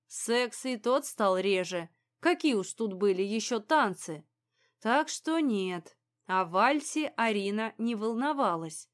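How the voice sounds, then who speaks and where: Lady reading a romance audiobook, calm even voice, kinda high. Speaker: audiobook narrator. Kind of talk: scripted audiobook narration.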